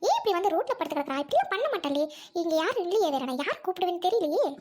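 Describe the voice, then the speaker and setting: A woman with a Trichy Tamil accent playing a gentle, loyal young friend in a comedy skit, soothing and reassuring. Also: extremely high pitch, very animated, racing. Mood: panicked.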